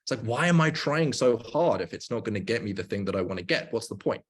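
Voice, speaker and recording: This livestream host is a man in his twenties with a husky, medium-pitched voice, animated and quick. Working as an online business coach, he keeps the talk casual and explanatory, hammering points home through emphatic repetition.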